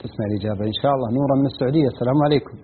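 A man hosting a call-in question show, politely greeting callers and moving them along briskly. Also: medium pitch. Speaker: radio call-in host. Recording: phone-like lo-fi broadcast with faint noise.

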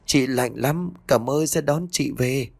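A man voicing the cold ghost of a murdered young maid, speaking faintly and slowly from a distance. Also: mid-range voice, gravelly, pitched above the performer's own voice. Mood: mournful.

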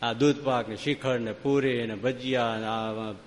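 A man's voice: medium pitch, steady tone, normal speed, long reverb tail, a little hiss or hum. A man giving a devotional sermon, telling stories and reeling off long spoken lists. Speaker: preacher.

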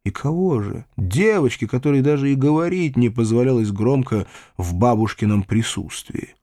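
A man narrating a classic novel in an expressive, dramatic way, recorded on a close studio mic. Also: mid-range voice, normal speed, no room sound. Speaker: audiobook narrator.

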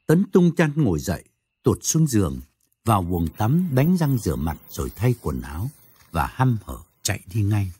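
A man narrating a story aloud in an expressive storytelling manner. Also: moderate pace, husky, no room sound. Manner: expressive storytelling with swooping pitch.

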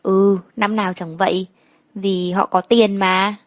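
A woman's voice: medium pitch, level tone, a little slow, no echo, close to an everyday voice. A woman voicing a young village girl's older sister, bossy but coaxing. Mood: explaining.

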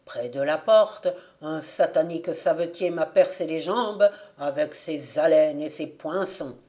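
A woman's voice: low-pitched, measured pace, dark tone. A woman reading a storybook aloud and voicing a wounded male robber who dramatically complains about what he suffered. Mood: aggrieved. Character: battered male robber exaggerating his wounds.

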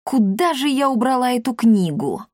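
A woman's voice: on the high side, animated, moderate pace, a little mellow, dry recording, studio quality, voice pushed up, natural voice. A woman voicing a bossy, eccentric old woman who drawls and exclaims. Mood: gleeful.

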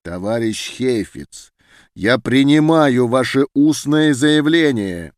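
A stern male official, put on by a male audiobook reader, speaks in a cold, deliberate, authoritative tone. His delivery is unhurried, on a close, dry recording. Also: a little high, lively intonation, no echo, voice pushed up. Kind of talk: audiobook character voice.

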